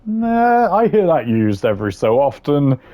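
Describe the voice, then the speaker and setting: Fairly high-pitched with big swings in pitch, this man speaks a little slowly in a dark tone on a muffled recording. He's a gaming video creator giving casual, opinionated rankings of game voice lines, blunt and informal with lots of slang.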